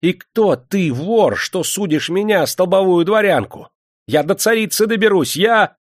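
A man's voice: medium pitch, a little slow, fairly bright tone, no room sound, studio quality, close to an everyday voice. A man voicing a proud, spiteful noble widow who answers with venom. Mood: furious. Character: haughty, spiteful noble widow, middle-aged.

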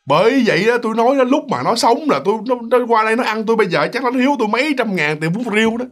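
Brief: man putting on a loud, raised market woman, scolding and boastful, in a spoken ghost story. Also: on the high side, animated, very fast, voice pushed up. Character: sharp-tongued older woman noodle-soup seller.

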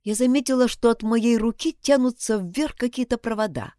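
A woman reading a first-person story aloud, with expressive storytelling. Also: fairly high pitch, moderate pace, dry recording, clean studio sound. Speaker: narrator. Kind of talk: first-person audiobook narration.

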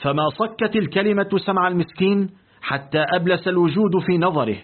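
Husky male audiobook narrator. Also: high-pitched, fairly quick. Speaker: audiobook reader. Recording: tinny, lo-fi phone-like audio.

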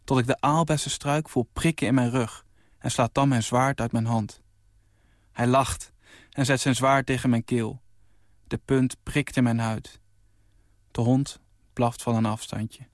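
Young male writer, mid-pitch, calm narrator, dry studio sound. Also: unhurried, no room sound. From Netherlands. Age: 20s. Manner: calm, even storytelling, lifting his voice for the quoted lines. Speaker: short story writer. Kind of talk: reading his own short story.

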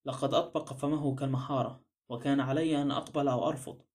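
A sardonic, self-assured adventurer, read by a man narrating a mystery. His dry remarks run quickly in a warm, mellow voice. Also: medium pitch, steady tone, close to an everyday voice. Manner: cool, dry. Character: cool, sardonic male adventurer.

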